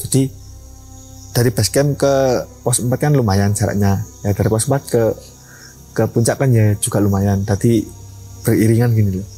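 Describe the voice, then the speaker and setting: Young man, dark voice. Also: on the low side, moderate pace, long pauses, soft background music, poor audio. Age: young adult. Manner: lively storyteller acting out dialogue. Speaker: mountain ranger and guide. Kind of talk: storytelling interview.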